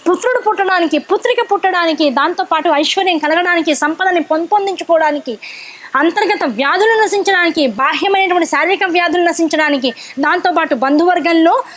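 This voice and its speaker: A woman giving a devotional discourse who chants Sanskrit verses slowly, then explains them in lively conversational speech with rhetorical questions to the listeners. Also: very high voice. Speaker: religious discourse speaker.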